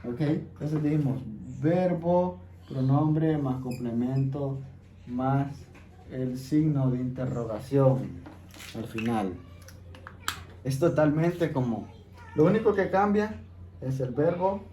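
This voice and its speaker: A man teaching an English class, explaining each step slowly and patiently and checking in with his students. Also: medium pitch, dark tone. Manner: patient, repeats steps, checks in with "¿ok?". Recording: echoey room, faint background noise.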